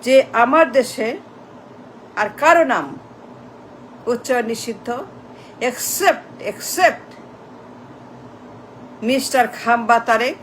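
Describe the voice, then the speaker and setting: A woman's voice: on the high side, animated, slow, pauses often, a little hiss or hum, rough recording. A woman delivering an impassioned political rant, repetitive and mocking, mixing in English phrases. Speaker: political commentator.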